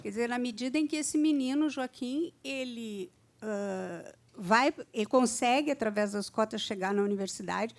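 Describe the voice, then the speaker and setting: A woman's voice: fairly high pitch, moderate pace. Older woman asking a winding question. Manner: earnest, winding, with fillers. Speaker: retired university lecturer asking a question. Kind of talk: audience question at a talk.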